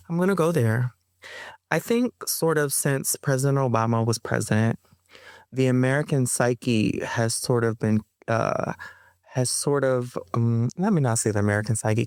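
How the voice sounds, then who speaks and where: A woman performer, a guest in a reflective interview, speaks slowly, pausing to find her words and tossing in slangy asides. Her voice rumbles low, and the studio-quality recording has no room sound.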